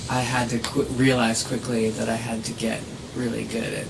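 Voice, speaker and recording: Songwriter, mid pitch, chatty with fillers, distant and hissy recording. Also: level tone, moderate pace. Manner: laughs while talking, fillers like "like". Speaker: songwriter in a band. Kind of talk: casual interview chat. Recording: off-mic voice with clear background hiss.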